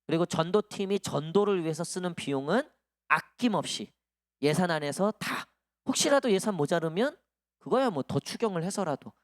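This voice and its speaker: A man's voice: sits high, lively intonation, normal speed, no echo, clean studio sound. A male pastor delivering a sermon in a conversational, storytelling way to his congregation. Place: church sanctuary.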